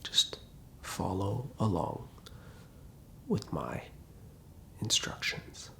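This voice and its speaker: A man hosts guided relaxation in a soft, breathy ASMR whisper. His delivery is very unhurried and creaky, with gentle instructions and long pauses. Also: low-pitched, very animated. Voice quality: hushed, breathy. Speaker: ASMR host.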